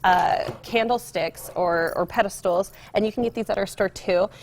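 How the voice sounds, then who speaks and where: With a medium-pitched voice at normal speed, the young American woman representing a decor store keeps her TV demo chatty and upbeat. Some slight background noise is audible on the indoor studio set.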